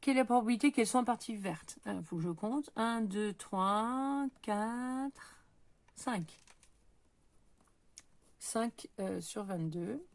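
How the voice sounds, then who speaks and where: A woman's voice: a little high, expressive, slow pace, long pauses. Patient woman correcting math exercises. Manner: patient, talks while counting and pointing things out, frequent "euh" and "donc". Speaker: middle school math teacher. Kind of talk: recorded lesson, correcting exercises aloud.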